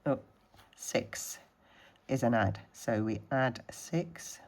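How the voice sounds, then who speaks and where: A budgeting vlogger from the Scottish Highlands, snuffly from a cold, counts her savings aloud while chatting casually through her savings challenges. Her voice is low and darkish, slow in pace but lively in intonation.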